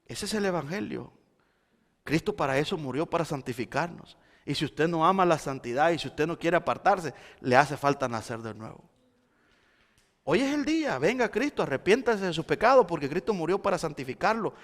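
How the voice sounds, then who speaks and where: A man preaching a Sunday sermon as pastor, swinging between loud emphasis and quiet intensity. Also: on the high side, big pitch swings, moderate pace. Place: church sanctuary. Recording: long church hall reverb.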